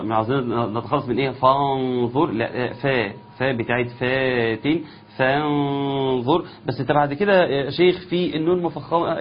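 A man with an Egyptian Arabic accent teaching tajweed. He explains the rules quickly in a conversational way and slows down to chant the verses. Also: mid-range voice, lo-fi sound, slight background noise. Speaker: Quran recitation teacher. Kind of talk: tajweed lesson with chanted recitation.

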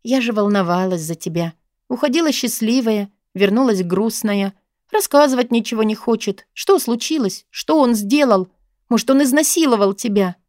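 Woman reading as a blunt excitable student girl, loud and indignant, higher voice, dry close mic. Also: normal speed, no echo, natural voice. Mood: worried. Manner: loud, indignant, mocking outbursts. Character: young female student friend, blunt and excitable.

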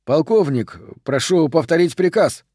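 A man's voice: a little high, lively intonation, a little slow, warm tone, breathy edge, dry recording, clean studio sound, voice pushed up. Man voicing an agitated soldier on the radio. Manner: agitated, urgent. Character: excited young male soldier on a radio.

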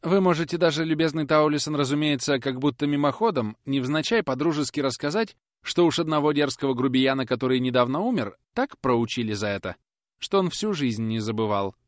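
A man's voice: fairly quick, no room sound, studio quality, natural voice. A man reading an audiobook and voicing a timid, fussy genteel lady who speaks in a hesitant, fawning way. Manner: hesitant, fawning, high-pitched.

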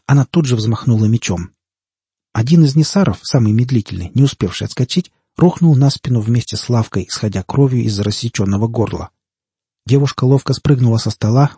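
Male narrator, very husky and mellow, dry close recording. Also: mid-range voice, no room sound. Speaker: audiobook narrator. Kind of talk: scripted fantasy narration.

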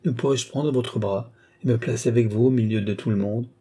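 A man reading an audiobook, voicing a gentle, worried young noblewoman who pleads softly. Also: mid-range voice, fairly quick, slightly rough, natural voice. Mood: pleading.

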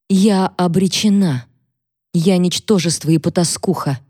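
A woman voicing a guilt-ridden young woman's despairing inner thoughts in low, self-reproaching musing. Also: warm tone, no room sound, clean studio sound, close to an everyday voice.

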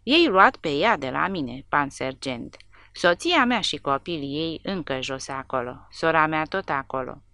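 A woman's voice: low voice, animated, pushed and bright, no room sound, studio quality, heavily acted. A woman voicing a frightened Polish farmer who pleads in broken speech. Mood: pleading.

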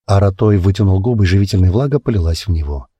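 A man narrating an audiobook with an expressive, varied delivery. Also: low voice, fast, breathy edge, no echo.

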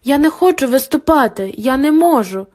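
A woman's voice: high voice, moderate pace, darkish tone, lightly acted. A woman voicing a panicky young female graduate student who pleads anxiously. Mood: panicked.

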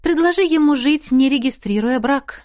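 Woman reader as a lively, teasing young wife; higher and bright, dry. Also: no echo. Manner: bright, teasing, quick to exclaim.

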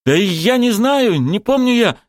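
A man's voice: sits high, very animated, a little slow, no room sound, clean studio sound, voice pushed up. A man voicing an evasive, frightened young male driver in an audiobook. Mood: scared. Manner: defensive, shouting back.

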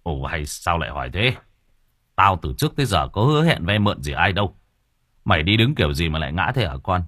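A gruff older father, read by a male narrator in an audio storybook, barking out blunt scoldings. His low voice swings between highs and lows. It sounds husky and dry, close to the mic. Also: sing-song, a little fast, a bit bright, dry recording, full character voice.

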